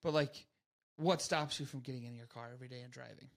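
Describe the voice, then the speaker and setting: A man's voice: medium pitch, fast talker, creaky. A young man co-hosting a casual podcast, easygoing and speculative as he reads news aloud and muses on it. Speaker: podcast co-host.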